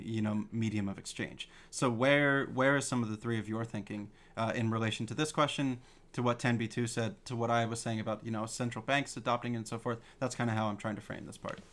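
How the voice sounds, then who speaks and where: A man's voice: lowish voice, fairly bright tone. Casual man hosting a group call. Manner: loose, rambling with fillers and restarts. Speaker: discussion host. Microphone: video call.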